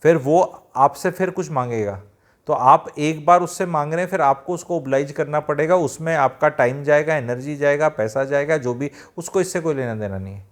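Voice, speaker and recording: A man's voice: a little high, normal speed. Male self-help speaker, direct and plain-spoken, talking to camera like to friends. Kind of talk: advice talk to viewers.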